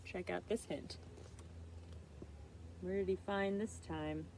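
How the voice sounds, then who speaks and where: This woman speaks slowly in a fairly low, gravelly, darkish voice with fairly even intonation, and a little hiss or hum sits in the recording. She's a storyteller reading aloud to children in a casual, conversational way, stopping to ask her listeners questions.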